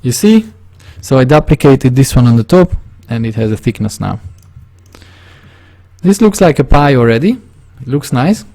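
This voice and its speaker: A man with a Hungarian accent narrates a casual screen-recorded drawing tutorial at a desk mic, in a mellow, gravelly voice of medium pitch with big pitch swings. He frequently stops to find words and fixes himself along the way.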